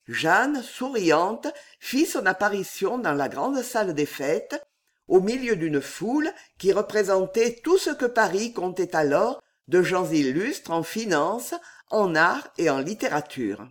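Dramatic storyteller, slow and lilting, reads a period novel. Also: mid-range voice. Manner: dramatic, expressive. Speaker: audiobook narrator. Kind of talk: scripted narration of a historical novel.

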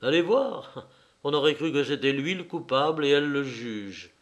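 A man narrates a classic novel at an unhurried, deliberate pace. His pitch sits in the middle range, and he reads in a measured, literary way. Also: a bit bright. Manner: slow, measured literary reading. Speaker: audiobook narrator. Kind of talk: scripted narration.

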